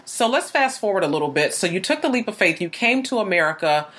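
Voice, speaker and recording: A woman's voice: medium pitch, sing-song, fast, fairly bright tone. A woman hosting a podcast interview, affirming her guest and asking long questions with fillers like um and you know. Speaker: podcast host.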